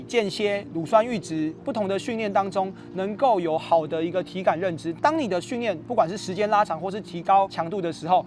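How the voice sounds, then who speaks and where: A man's voice: sits high, slight background noise. A man with a Taiwanese Mandarin accent, hosting and coaching runners in an upbeat, explanatory way. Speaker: running coach and host. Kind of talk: instructional video podcast. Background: faint music.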